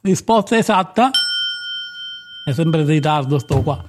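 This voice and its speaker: A man acts out a cantankerous comic quiz master in a radio sketch. The voice sits high, rambling through absurd etiquette questions in a blunt, crude, easily riled way. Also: lively intonation, unhurried, noisy background. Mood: impatient, pedantic.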